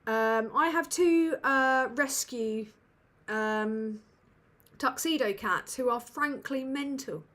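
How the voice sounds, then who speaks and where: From a dim room at home, a British-accented livestream host answers questions casually, rambling and swearing with plenty of ums and fillers. Her fairly bright voice sits high and moves slowly.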